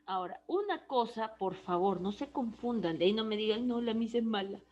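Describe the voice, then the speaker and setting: A woman's voice: on the high side, expressive, brisk, a little mellow, highs cut off. A woman teaching a speech therapy class, explaining terms and checking that students follow. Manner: explanatory, checks understanding with frequent "¿ya?". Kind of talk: online class lecture.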